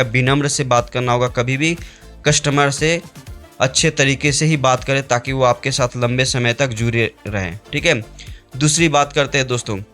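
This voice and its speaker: A man's voice: medium pitch, a bit bright. A man giving informal advice to his viewers, chatty and repetitive, often restarting phrases and checking in with his audience. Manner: chatty, repeats "okay" and "friends". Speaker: business advice presenter. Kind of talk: informal explainer to camera.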